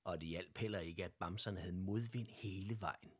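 A man narrating a children's audiobook in a calm, lively read-aloud manner. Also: low-pitched, slightly rough.

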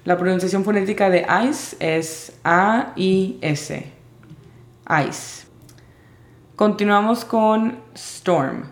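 A woman teaching English vocabulary in Spanish, spelling out each word's sounds slowly and carefully. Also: medium pitch, echoey room. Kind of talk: vocabulary lesson.

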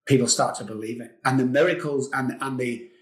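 A middle-aged man, a podcast guest, telling a story in an excitable way, swearing casually. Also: medium pitch, a little fast. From England. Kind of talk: animated storytelling. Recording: roomy echo.

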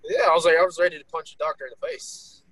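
A man in casual chat who tells stories rapidly and leans heavily on filler words. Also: a little high, steady tone, a crowd in the background, poor audio. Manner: rapid storytelling, heavy use of filler "like".

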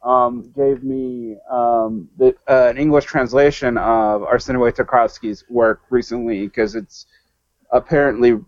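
A man's voice: mid-range voice, steady tone, measured pace, no echo, muffled recording. A man guesting on a podcast, chatting casually about a film in a rambling way, full of restarts and self-corrections.

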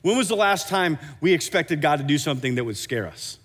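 A man preaching a sermon as pastor, animated, often stumbling and repeating words as he restarts a thought. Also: fairly high pitch, fairly quick, in a large hall.

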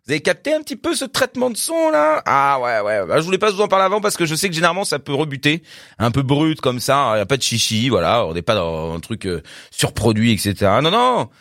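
A male music radio host talks loosely and warmly about the next track, full of hesitations and small laughs. His pitch leaps about in a lively way. The sound is dry and close, with no room echo. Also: fast talker. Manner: chatty, rambling, with fillers and laughs. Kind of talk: casual radio presenting.

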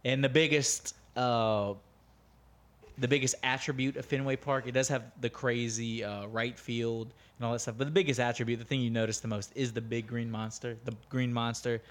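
A man's voice: mid-range voice, little pitch movement, moderate pace. An American man co-hosting a podcast, opinionated and blunt, swearing freely in casual banter. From United States. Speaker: podcast co-host.

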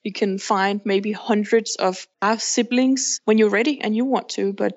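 On dull-sounding audio, a woman speaks at medium pitch with a steady tone and normal speed. She is a Danish guest author, English being her second language and her Danish accent audible, answering remote podcast interview questions in a frank, candid, plainspoken manner.

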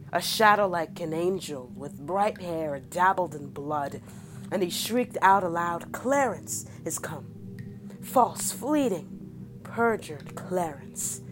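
A woman's voice: on the low side, rough recording. A woman playing a frightened, guilt-ridden male duke in prison, speaking in classical stage verse. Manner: fearful, pleading classical verse.

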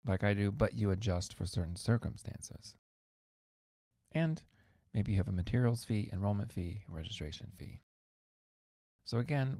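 A man's voice: fairly low pitch, dark tone, no room sound, clean studio sound. A man who teaches piano, hosting an instructional podcast in a conversational, emphatic way that repeats words for stress.

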